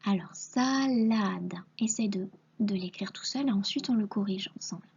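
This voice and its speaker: A woman teacher giving a recorded reading lesson to a young child, patiently sounding out syllables and letters and often dropping to a soft half-whisper. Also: medium pitch, a little fast, husky, muffled recording.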